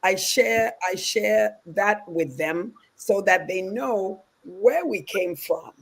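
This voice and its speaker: A woman's voice: medium pitch, slow pace, slightly rough. A woman from Ghana, a guest founder chatting in a live-streamed interview, telling stories with many "you know" asides. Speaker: guest, fitness business founder. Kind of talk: casual interview chat. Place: live stream video call.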